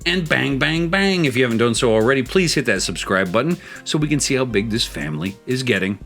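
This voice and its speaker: A man's voice: animated, a little fast, fairly bright tone, soft background music. A man from South Texas hosting a gameplay channel, chatting playfully while he plays a game and tells a story. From South Texas, United States. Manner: chatty and playful, jumping into high exclaims. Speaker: host.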